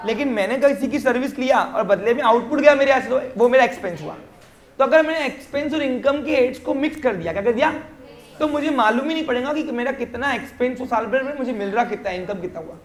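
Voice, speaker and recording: A man teaching a commerce class in a classroom, explaining step by step and often quizzing his students with short check questions. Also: very high-pitched. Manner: mixes English terms into Hindi explanation. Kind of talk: classroom lecture. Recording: roomy classroom echo.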